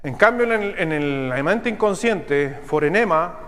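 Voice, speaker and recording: A man with a Chilean accent preaching a sermon as pastor, teaching step by step and checking in with his listeners through quick questions. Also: a little high, lively intonation, fairly bright tone, long reverb tail. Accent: Chilean Spanish. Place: church sanctuary.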